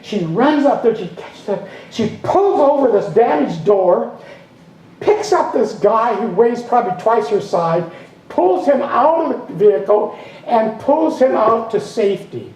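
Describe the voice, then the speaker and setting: Rambling minister preaching in a roomy hall. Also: male voice, very high-pitched, expressive, measured pace, darkish tone. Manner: rambling, self-interrupting, chuckling asides. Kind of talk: sermon. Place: spiritual center meeting room. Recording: roomy hall from a distance, faint ambience.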